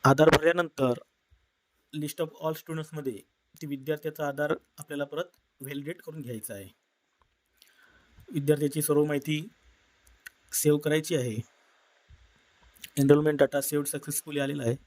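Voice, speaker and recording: A man narrating a step-by-step software tutorial in a plain instructional manner. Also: fairly high pitch, steady tone, moderate pace, long pauses, dry recording. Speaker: tutorial presenter. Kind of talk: screen-recorded software tutorial.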